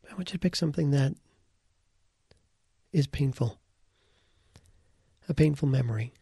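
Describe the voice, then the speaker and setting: Husky, gravelly-voiced man guiding a meditation. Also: mid-range voice, normal speed, no room sound, studio quality. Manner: calm, soft-spoken, drifts into whispers. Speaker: guided meditation leader. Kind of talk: slow guided visualization.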